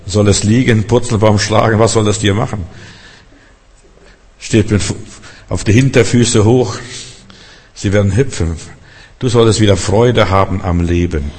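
A man's voice: lowish voice, darkish tone, breathy edge. A man preaching a sermon fervently, asking the congregation direct questions. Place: church hall in Berlin. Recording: long hall reverb.

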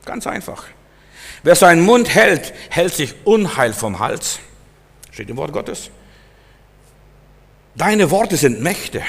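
A male preacher giving a sermon in an emphatic, repetitive way, swinging between loud and soft, recorded in a church hall. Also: a little high. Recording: long hall reverb.

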